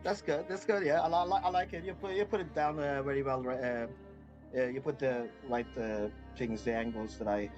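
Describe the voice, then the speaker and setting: A man's voice: mid-range voice, fairly even intonation, a little fast, darkish tone, dull audio, soft background music. A man from Iran, a guest talking earnestly and hesitantly in an interview. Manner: earnest, hesitant, many fillers and restarts. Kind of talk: interview conversation.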